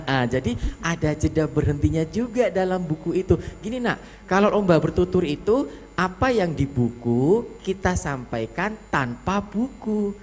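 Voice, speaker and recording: A man judging a children's storytelling contest, giving animated, affectionate feedback and acting out lines to show how they should sound. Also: medium pitch. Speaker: competition judge. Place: school storytelling competition venue.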